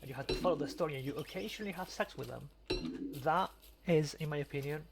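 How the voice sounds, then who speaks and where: Chatting casually over gameplay, a podcast host rambles and stammers, repeating words. His voice is fairly high and his pace quick, and there's clearly noisy background sound.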